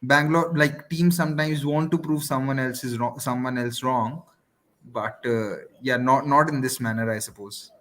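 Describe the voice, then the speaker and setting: A man with an Indian accent chatting casually about sport live, haltingly and repeating his phrases. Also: mid-range voice, fairly even intonation, fairly bright tone. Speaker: cricket watchalong panelist.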